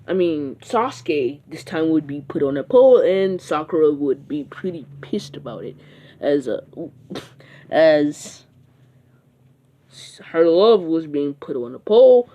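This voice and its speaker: A casual fan storyteller rambles through an imagined plot, often restarting sentences and leaning on fillers. The voice has a mellow, darker tone at a middle pitch. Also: animated, a little slow.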